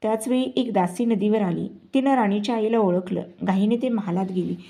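A woman narrating a devotional folk tale in a steady, measured recitation. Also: medium pitch. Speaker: storyteller.

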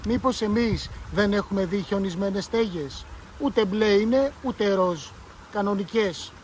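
A bossy, sharp-tongued little girl, as a man reads her, speaks high and loud with open scorn. Her lines come in a storybook reading. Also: a little hiss or hum, natural voice. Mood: scornful. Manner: raised, scornful.

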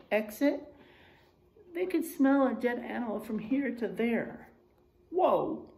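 Indoors, in a room with drywall and posters, a middle-aged kindergarten teacher reads a children's book aloud. Her voice is a little high, and she stops now and then to explain things simply, deliberately and expressively.

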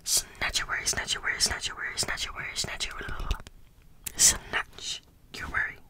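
A young woman in a breathy, soothing whispered role-play, very close to the microphone, repeating phrases with tingly ASMR mouth sounds. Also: moderate pace. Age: young adult. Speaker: ASMR creator. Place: small room indoors. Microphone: close desktop condenser microphone.

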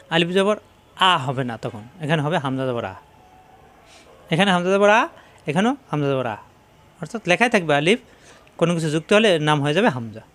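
A man teaching Quran letter pronunciation in a slow lesson, repeating each sound in a Bangladeshi Bengali accent. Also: a little high. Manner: drills letter sounds with repetition.

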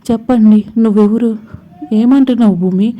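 A woman's voice: on the high side, moderate pace, dull audio, lightly acted. A woman voicing an earnest young woman in a TV serial retelling. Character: young woman confessing love joyfully.

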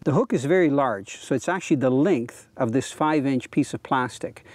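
A middle-aged man with a slightly higher voice than most men hosts a fishing show outdoors on a lake. He explains tackle and technique in an enthusiastic, conversational way, leaning on "you know". His voice sits close and dry on a clip-on mic despite the open air. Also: darkish tone, dry recording. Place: outdoors on a boat and dock by a lake.

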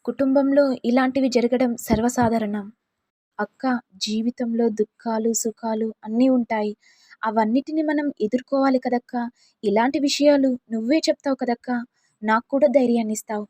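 A woman voicing a caring middle-aged mother-in-law who speaks gently and consolingly. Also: fairly high pitch, moderate pace, no room sound, natural voice.

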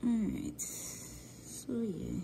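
A Guyanese woman with a blended Guyanese-Trinidadian accent narrates a casual nail art tutorial voice-over in a relaxed, halting way, using lots of fillers and often sinking to a near whisper. Her voice is on the high side and creaky, with a little hiss or hum in the recording.

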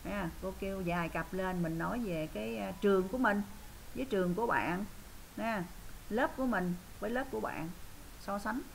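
A woman teacher with a southern Vietnamese accent walks a class through an English grammar lesson, her voice carrying a gravelly, creaky edge. She drops a gentle "ha" at the end of her sentences and slows right down whenever she models English phrases. A faint hiss sits under her voice. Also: medium pitch, poor audio. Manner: sprinkles sentences with a soft "ha" tag.

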